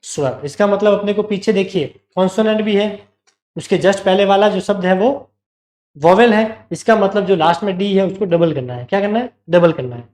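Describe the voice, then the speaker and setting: A man's voice: high voice, moderate pace, darkish tone, roomy sound. A male teacher giving an online exam-prep grammar lesson, explaining step by step, repeating key words and asking the class questions.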